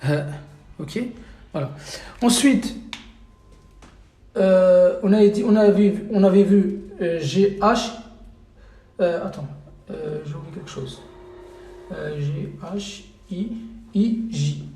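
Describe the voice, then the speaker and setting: A man's voice: sits high, takes it slowly, long pauses, mellow, reverberant. A man teaching a live online lesson as an Arabic teacher, hesitant with many fillers and repeated checks that listeners follow.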